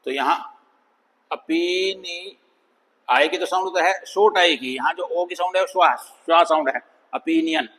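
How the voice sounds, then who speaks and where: A man teaching an English phonics lesson, sounding out words slowly and repeating them for students. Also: a little high, fairly bright tone, slightly rough, in a large hall, low-quality recording. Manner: slow, drawn-out demonstration of words, calls students "bhai".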